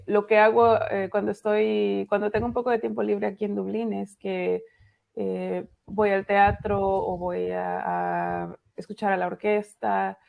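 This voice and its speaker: Mexican woman author, gravelly voice. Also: medium pitch, lo-fi sound. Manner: chatty, lots of fillers and pauses. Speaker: author, interview guest. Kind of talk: casual interview over video call. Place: dark home room at night. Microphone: video call.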